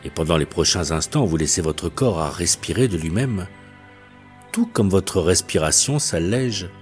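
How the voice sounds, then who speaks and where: A male hypnotherapist leading a guided hypnosis session in a slow, detached, hypnotic delivery, with soft music behind him. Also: low-pitched, animated. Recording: faint background music.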